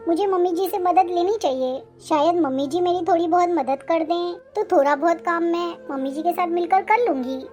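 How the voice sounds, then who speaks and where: Woman doing a gentle sick young bride. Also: extremely high pitch, normal speed, hardly any pauses, soft background music. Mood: weary. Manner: soft, polite, weary. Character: sick young daughter-in-law, gentle and dutiful.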